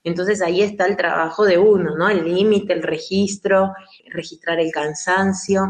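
A woman's voice: fairly low pitch, fairly even intonation, moderate pace. A woman with a Rioplatense Spanish accent, an interview guest speaking earnestly and explaining at length in a conversational way. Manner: earnest, explanatory, acts out quoted voices. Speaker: guest speaking on child rearing.

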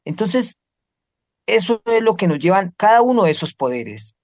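A man's voice: sits high, very animated, moderate pace, darkish tone. A man gives an earnest spiritual talk as a guest, asking rhetorical questions and listing words one by one. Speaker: guest speaker.

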